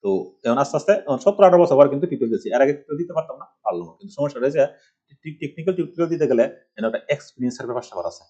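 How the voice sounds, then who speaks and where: Fast-talking husky man teaching computers. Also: mid-range voice, expressive, dark tone, muffled recording. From Bangladesh. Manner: rambling, asks rhetorical questions. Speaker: computer course instructor. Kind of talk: screen-recorded computer tutorial. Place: village home.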